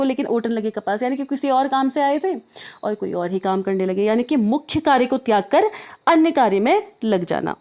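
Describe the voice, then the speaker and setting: A woman teacher walking through exam questions step by step, often pausing to check in with her students. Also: fairly high pitch, a little mellow. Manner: explains step by step, keeps checking in. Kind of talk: exam prep lesson.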